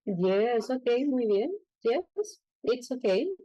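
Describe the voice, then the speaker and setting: A woman with a Bolivian Spanish accent, teaching an English pronunciation lesson and slowing down to model phrases. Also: fairly high pitch, big pitch swings, mellow, no echo, low-quality recording. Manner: explains patiently, slows down to model English phrases.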